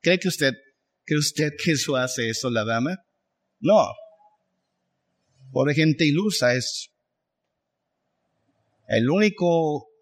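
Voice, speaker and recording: Slow, emphatic preacher man. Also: a little high. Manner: emphatic, rhetorical questions, acts out voices of others. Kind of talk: sermon.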